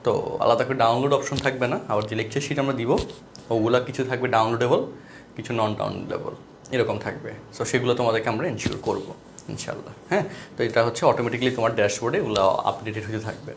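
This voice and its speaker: A man's voice: medium pitch, fairly even intonation, racing, slight background noise. A young man with a Bangladeshi accent teaching an online math class in a chatty, digressive way, often checking in with his students. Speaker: math tutor. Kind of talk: casual online class talk.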